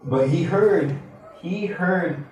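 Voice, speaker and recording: A man's voice: high voice, extremely slow, a little mellow, soft background music. A man, a pastor, earnestly telling a personal story during a sermon in a conversational way. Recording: echoey room, mic at a distance.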